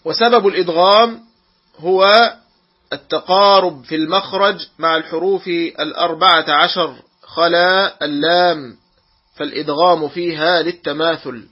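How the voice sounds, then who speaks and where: A man teaching Quran recitation rules, drawing out each example word slowly and deliberately. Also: fairly high pitch, steady tone, breathy edge, dull audio. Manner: slow, deliberate, drawn-out example words. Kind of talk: tajweed lesson.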